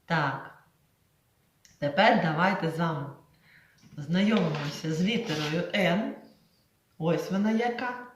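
A woman's voice: fairly low pitch, measured pace, pauses often, a little hiss or hum. A woman teaching a reading lesson to young children, drawing out and exaggerating each sound for them to repeat. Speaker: primary school teacher. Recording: echoey room.

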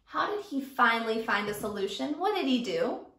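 A woman teacher reading a picture book aloud to a class with expressive storytelling and stopping to ask her students questions. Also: a little high, normal speed. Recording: echoey room.

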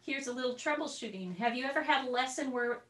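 A woman's voice: high voice, quick pace, a bit bright, far from the mic. Chatty woman teaching recorder online. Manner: chatty, explanatory, with asides and little laughs. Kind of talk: online group music lesson. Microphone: computer mic on a video call. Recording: roomy video-call audio from off-mic.

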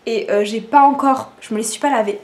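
A woman's voice: on the high side, a little fast. A young woman from France vlogging casually at home, rambling and self-mocking, with many fillers, speaking to a camera propped on cushions. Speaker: beauty vlogger. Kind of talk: casual chatty vlog. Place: at home indoors.

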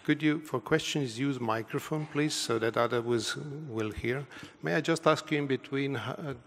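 Guy moderating a panel, polite, measured questions, mid pitch.

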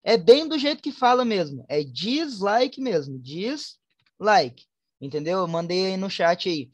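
A woman's voice: on the low side, animated, darkish tone, dry recording. Brazilian woman teaching English online. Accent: Brazilian Portuguese. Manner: mixes Portuguese and slow English examples. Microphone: online class headset or computer mic.

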